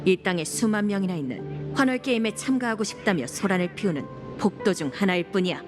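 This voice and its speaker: A woman's voice: medium pitch, animated, a little fast, close to an everyday voice. A woman playing a law-abiding sheriff in a game, speaking with formal, courteous authority. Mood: stern, commanding. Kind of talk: scripted game voice acting. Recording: music behind the voice.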